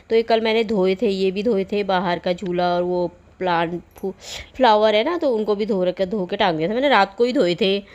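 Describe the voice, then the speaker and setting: A woman's voice: medium pitch, darkish tone. A middle-aged woman talking through her morning chores in a chatty, rambling home vlog, often laughing as she speaks. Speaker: vlogger. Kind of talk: casual daily-life vlog narration.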